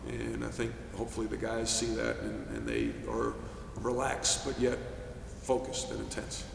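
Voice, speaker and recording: A middle-aged man from New York, a basketball head coach answering postgame questions at a press table in a measured way, with many fillers and restarts. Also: fairly low pitch, big pitch swings, vocal fry. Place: press room, seated at table. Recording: echoey room, distant mic, faint hiss.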